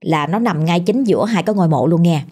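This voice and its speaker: Mellow Southern Vietnamese woman storyteller. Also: lowish voice, animated, quick pace. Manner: chatty, colloquial retelling. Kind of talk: ghost story narration.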